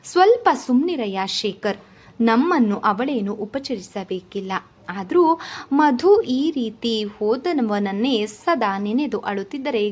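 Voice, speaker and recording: A woman voicing a calm, caring male doctor who reasons firmly with a grieving friend in a storybook reading. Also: on the high side. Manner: firm, reasoning, scolding at times.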